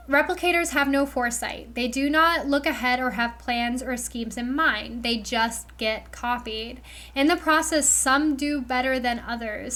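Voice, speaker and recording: A woman's voice: high voice, fairly bright tone. A woman giving a casual lecture on a livestream, chatty and loose, full of "like" and "you know". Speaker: streamer explaining memetics.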